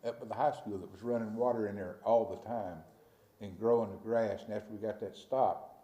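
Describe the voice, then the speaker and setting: A man's voice: fairly low pitch, steady tone, a little fast, mellow. A man at a city committee meeting, talking casually and a little hesitantly. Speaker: committee member. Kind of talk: public meeting discussion. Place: council meeting room. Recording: echoey meeting room.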